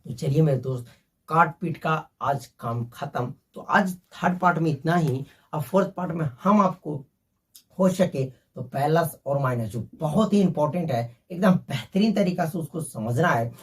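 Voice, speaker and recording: A man's voice: on the high side, animated, normal speed, recorded from a distance. A man teaching a basic math lesson, working through sums step by step and calling his viewers "my friend".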